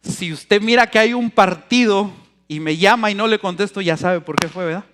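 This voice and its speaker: High-voiced preaching man, animated. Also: normal speed. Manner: animated and joking, swings from soft asides to shouted preaching. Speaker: pastor. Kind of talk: sermon. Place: church. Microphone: handheld microphone.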